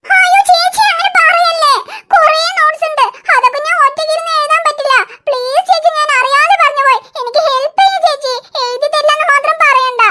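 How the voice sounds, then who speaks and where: A woman's voice: very high-pitched, fairly even intonation, a little fast, hardly any pauses, heavy background noise. A woman voicing a tearful, whiny schoolgirl younger sister in a cartoon. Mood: pleading. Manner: whiny, sobbing pleas. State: crying. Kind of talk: cartoon voice acting.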